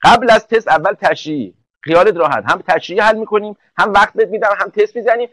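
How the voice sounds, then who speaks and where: A man's voice: sits high, fairly bright tone, no echo, rough recording. A man teaching English for an entrance exam in a live online class, joking and speaking directly to students one by one.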